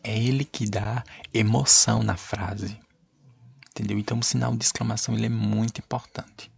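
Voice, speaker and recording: A man with a Brazilian accent teaches an online class in a low, gravelly, husky voice. He circles back over the same points and keeps asking the class whether they follow. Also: steady tone, moderate pace, darkish tone, no echo. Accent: Brazilian Portuguese. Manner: repetitive, checks students understand. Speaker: Portuguese teacher.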